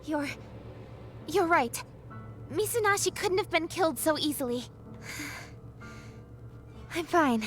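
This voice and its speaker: An actress voicing a timid, easily shaken young girl in a game, speaking softly and hesitantly. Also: high voice, expressive, slow, pauses often, soft background music, exaggerated voice. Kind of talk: game voice acting.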